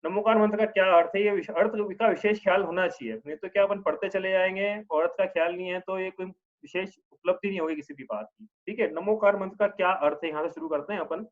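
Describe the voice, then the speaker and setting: High-voiced man teaching, dull lo-fi sound. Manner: explains step by step, checks in with "ठीक है"; chants verses slowly in a drawn-out tune. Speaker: religious teacher. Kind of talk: explanatory lesson on scripture.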